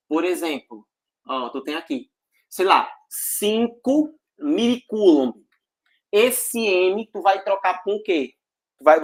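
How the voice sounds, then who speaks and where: A man teaching a physics class online, energetic and jokey, full of slang and check-ins with the students. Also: a little high.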